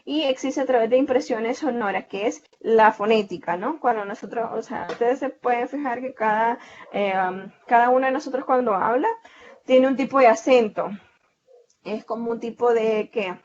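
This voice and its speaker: A woman's voice: fairly high pitch, moderate pace, darkish tone, dull audio. A woman with a Salvadoran Spanish accent, giving an online tutoring lecture on a video call, explaining at length with frequent fillers and self-corrections.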